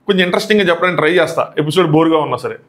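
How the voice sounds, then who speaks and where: A man's voice: a little high, expressive, very fast, a bit bright. A young man hosting a casual episode review, chatty and mixing English words into his talk. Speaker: YouTube show reviewer and host.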